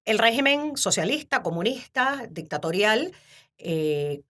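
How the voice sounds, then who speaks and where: Lively Cuban woman in her fifties. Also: mid-range voice, a little slow. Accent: Cuban Spanish. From Cuba. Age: 50s. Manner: warm, animated storytelling with frequent laughter. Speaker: podcast guest. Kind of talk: casual interview talk.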